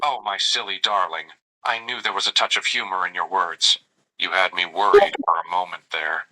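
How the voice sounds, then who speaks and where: This synthetic male voice is deep, pushed, and bright, with fairly even intonation at a moderate pace, on a rough recording. In a tender chatbot roleplay reply, he plays a doting, flirty AI companion who narrates his own gestures and calls the listener darling.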